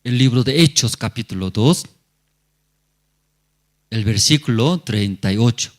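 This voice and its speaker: A man with a medium-pitched voice preaches a sermon at a church service, his intonation lively and his pace measured. He keeps his phrases short and simple and often turns to the congregation with questions.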